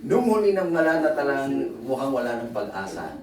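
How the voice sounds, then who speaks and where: A male pastor delivering a humorous sermon, switching between Tagalog and English with animated storytelling asides. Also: mid-range voice, a little fast, a crowd in the background. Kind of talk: sermon at a Bible conference. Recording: echoey hall, distant mic, faint ambience.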